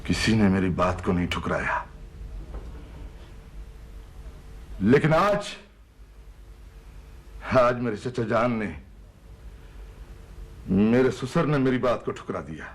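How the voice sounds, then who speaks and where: A man's voice: lowish voice, expressive, a little slow, pauses often, husky. An actor playing a middle-aged, domineering feudal father who speaks in a commanding, overbearing way. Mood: bitter. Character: domineering feudal landlord father, stern and proud. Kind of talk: television drama acting.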